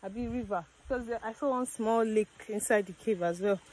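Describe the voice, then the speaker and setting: Young Nigerian woman, travel vlogger, bright chatty exclaiming delivery, voice sitting a bit high. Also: fairly quick, rough recording. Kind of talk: casual travel vlog narration. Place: inside and around a cave and riverside outdoors.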